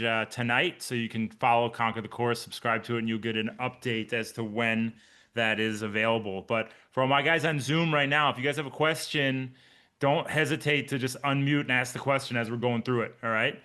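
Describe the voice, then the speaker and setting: A man's voice: mid-range voice, bright, forceful tone. A man in his forties, a triathlon coach and podcast host, chatting casually and upbeat on a live video call with his team. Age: 40s. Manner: upbeat, chatty, addresses listeners by name.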